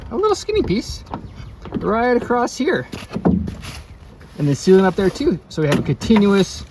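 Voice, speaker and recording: Upbeat builder explaining on a noisy site. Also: male voice, sits high. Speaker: builder hosting a construction vlog. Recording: loud site noise behind.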